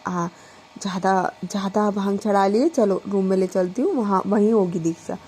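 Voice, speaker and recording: A woman's voice: mid-range voice, fairly even intonation, moderate pace, warm tone, a little hiss or hum, lightly acted. A woman storyteller voicing a firm young woman who speaks in a scolding, impatient way. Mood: coaxing.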